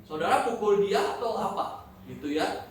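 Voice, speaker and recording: A pastor preaching a sermon in a church, joking and asking the congregation questions. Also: male voice, high-pitched, animated, normal speed. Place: church hall. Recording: very echoey hall, from a distance.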